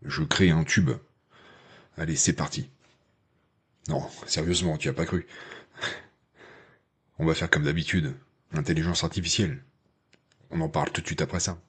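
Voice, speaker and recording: A man's voice: a bass voice, steady tone, normal speed, long pauses, slightly rough. A man hosting a tech channel, talking the viewer through a tutorial in a chatty, hesitant way with lots of fillers. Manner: addresses viewer informally. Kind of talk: casual screen-share tutorial.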